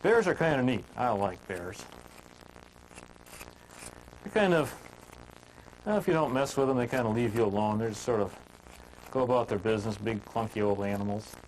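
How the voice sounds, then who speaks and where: A man's voice: lowish voice, expressive, moderate pace, pauses often, a little hiss or hum, poor audio. Easygoing folksy male woodcarving teacher. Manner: easygoing, homespun, chatty with filler words. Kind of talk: folksy storytelling while demonstrating carving.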